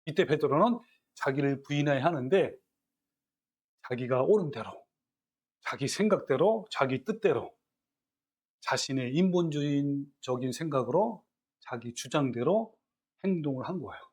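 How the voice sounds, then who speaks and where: A man preaching a sermon, his voice sitting a little higher than most men's. He throws rhetorical questions at his congregation. He also gives quoted scripture its own dramatic reading. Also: animated, normal speed, long pauses, darkish tone. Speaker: pastor.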